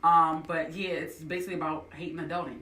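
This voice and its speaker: A woman in her thirties, a blogger guest on a radio show, talking fast and emphatically and laughing often. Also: low voice, little pitch movement, a bit bright, roomy sound, recorded from a distance. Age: 30s. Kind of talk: casual radio talk.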